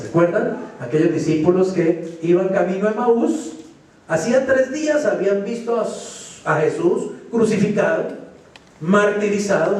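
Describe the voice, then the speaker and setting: A man's voice: high-pitched, a little mellow. A man with a Colombian accent preaching a sermon as pastor, asking the congregation questions as he goes. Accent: Colombian Spanish. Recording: echoey church hall from far off.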